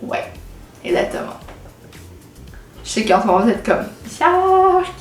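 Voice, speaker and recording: A woman's voice: medium pitch, fairly even intonation, normal speed. A teenage woman with a Québécois French accent chatting casually to camera as a vlogger, full of fillers and English words. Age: late teens. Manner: chatty, many fillers and anglicisms. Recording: echoey room with faint music.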